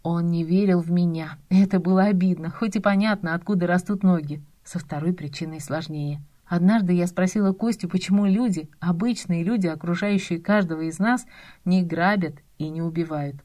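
Young woman narrator, first-person audiobook, low mellow voice, confiding and wry. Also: moderate pace.

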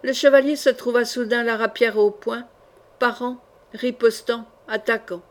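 A woman narrating an adventure novel in a measured, expressive reading. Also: on the high side. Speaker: audiobook narrator. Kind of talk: scripted literary narration.

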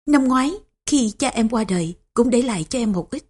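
Calm sorrowful young widow, read by a woman, quiet and gentle, husky tone. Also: a little high, fairly quick. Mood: calm, sad.

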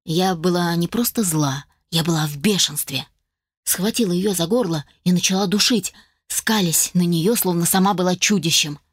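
A woman reading a first-person novel aloud in steady storytelling fashion. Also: on the low side, normal speed, husky, no echo, studio quality. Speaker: audiobook narrator. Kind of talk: first-person fiction narration.

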